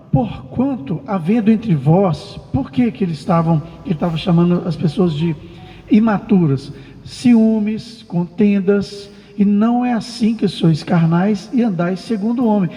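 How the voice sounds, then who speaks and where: A man's voice: high-pitched, dark tone. A male pastor with a Brazilian Portuguese accent preaching a sermon in a conversational way, often checking in with his listeners with tag questions. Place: church hall. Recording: long reverb of a church hall.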